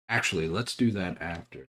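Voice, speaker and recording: A young man streaming while he paints, telling stories in a laid-back way with swearing and chuckles. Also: medium pitch. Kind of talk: casual chat while hobby painting.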